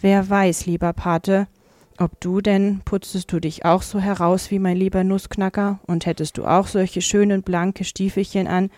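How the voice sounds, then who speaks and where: Lady reading as a teary little girl in a storybook, higher and pleading, warm dry sound. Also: level tone, measured pace, no room sound, lightly acted. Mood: earnest. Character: tender, tearful little girl.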